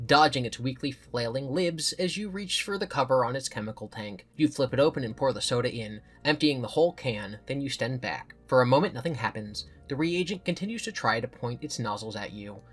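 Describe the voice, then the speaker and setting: A man's voice: mid-range voice, expressive, a little fast, hardly any pauses, fairly bright tone, soft background music. Man reading a horror storybook aloud. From US East Coast. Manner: playful asides between passages. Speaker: YouTube storyteller.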